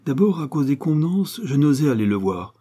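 An earnest young woman, quick to blush, recounting a night at an inn, as a male reader puts her on. Her voice sits a little higher than his own and stays soft and mellow. The delivery has a faint husk. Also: sing-song, husky. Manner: earnest, storytelling.

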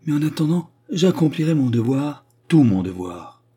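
Guy doing a snooty outraged noblewoman, high and huffy, kinda husky underneath. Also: very animated, moderate pace, dark tone. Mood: pious. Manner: indignant, emphatic, scornful. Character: haughty aristocratic lady, outraged and sanctimonious.

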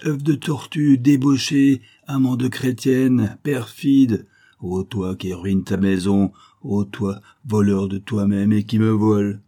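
A man's voice: on the low side, steady tone, takes it slowly, warm tone. A man voicing a middle-aged wife who hurls insults at her husband in a scolding rant. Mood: furious.

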